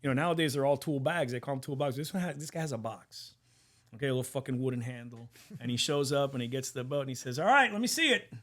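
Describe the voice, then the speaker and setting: A man's voice: mid-range voice, fairly even intonation, fast. A man co-hosting a casual podcast, telling anecdotes animatedly and swearing a lot. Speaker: podcast co-host.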